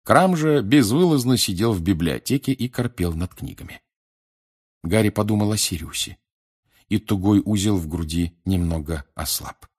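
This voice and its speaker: A man narrating an audiobook in a steady, expressive storytelling manner. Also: lowish voice, moderate pace, husky. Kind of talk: audiobook reading.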